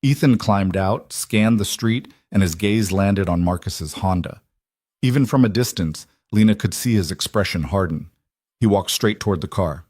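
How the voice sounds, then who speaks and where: A man narrates a scripted story in a measured, even delivery. His voice is low, and the recording is dry and close with no room sound. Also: no echo.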